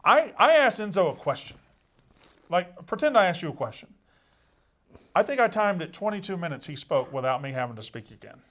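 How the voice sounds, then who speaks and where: A man hosting an irreverent comedic interview, asking questions and teasing in a deadpan way. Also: high-pitched, a little fast. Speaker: interviewer, host.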